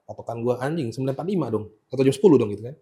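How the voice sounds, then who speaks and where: A man from Pontianak with an Indonesian accent, telling a story as a podcast guest, animated and swearing freely as he acts out quotes. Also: mid-range voice, very fast. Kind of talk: casual storytelling chat.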